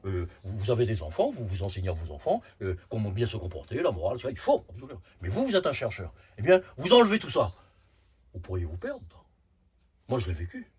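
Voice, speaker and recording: A man's voice: lowish voice, wildly swooping pitch, fairly quick, a little mellow, slightly rough. A man over fifty giving an informal spiritual talk as a Sufi teacher, often repeating words and tagging phrases with short asides. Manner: repeats words, frequent "hein" tags, emphatic bursts.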